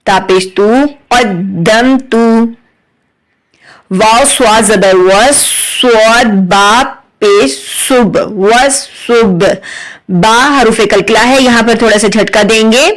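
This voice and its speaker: Very slow, high-pitched woman teacher. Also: rough recording. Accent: Urdu. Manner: spells out letters and vowel marks, then blends them slowly. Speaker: Quran reading teacher. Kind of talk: slow syllable-by-syllable recitation lesson.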